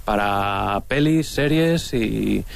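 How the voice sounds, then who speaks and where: A man's voice: lowish voice, expressive, drawn-out words, vocal fry. Easygoing man from Bilbao. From Bilbao, Spain. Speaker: audience contestant.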